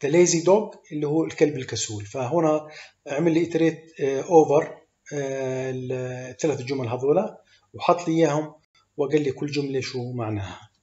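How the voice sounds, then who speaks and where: Male coding tutor, slightly high voice, muffled lo-fi sound, walks through each step. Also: a little fast, mellow. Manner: explains step by step with many fillers, mixing English code terms into Arabic. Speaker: programming instructor. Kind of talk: screen-recorded coding tutorial. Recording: echoey room, dull lo-fi sound.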